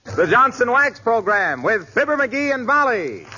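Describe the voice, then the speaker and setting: Booming 1940s radio announcer. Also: male voice, very animated, measured pace, over a noisy crowd. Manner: booming formal delivery, earnest appeals. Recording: muffled 1940s radio broadcast with hiss.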